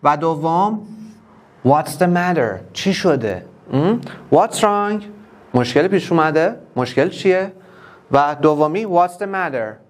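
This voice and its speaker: A man with a Persian accent teaching an English class online, explaining each word step by step and repeating it slowly. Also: on the high side, expressive.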